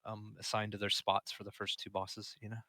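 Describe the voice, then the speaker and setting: A man's voice: fairly low pitch, completely flat delivery, brisk, pushed and bright, no room sound. Man leading a raid over group voice chat. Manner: directive, explaining tactics with frequent fillers. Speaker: raid leader.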